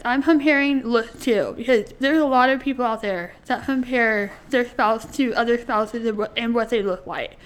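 A woman co-hosts a relaxed faith chat about married life. She talks in an earnest, chatty way, and her voice sits a little higher than most. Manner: earnest, chatty, laughs easily. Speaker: co-host.

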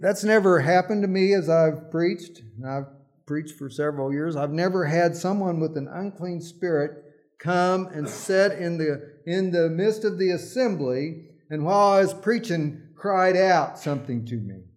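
A man's voice: fairly high pitch, measured pace. A middle-aged male pastor preaching a sermon, emphatic at times and telling folksy, humorous stories.

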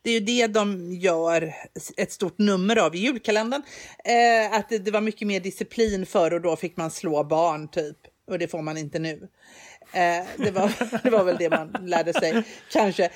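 A woman co-hosting a podcast in casual chat, talking in a halting way with many restarts and repeated words. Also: lowish voice. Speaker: podcast co-host, teacher.

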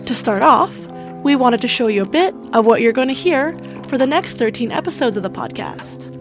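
A young woman reading a scripted introduction as podcast host, in a clear, welcoming read. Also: fairly high pitch, animated, moderate pace, over music.

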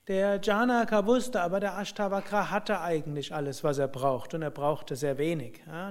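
Reflective man telling a spiritual tale. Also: on the high side. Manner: reflective, unhurried, musing with hums. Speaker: spiritual storyteller. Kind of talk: spoken storytelling and teaching.

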